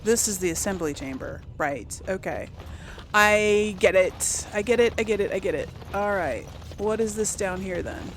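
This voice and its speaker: Speaking at a normal pace in a medium pitch, a woman rambles through a casual let's play, musing to herself as she plays. Her talk is relaxed game commentary delivered as thinking aloud, with faint noise in the background.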